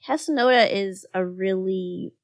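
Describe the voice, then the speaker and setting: A woman's voice: medium pitch, a little slow, dry recording. Chatty woman in her thirties, dry sound. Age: 30s. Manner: laughing, loose and chatty. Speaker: podcast co-host. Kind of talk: casual chat.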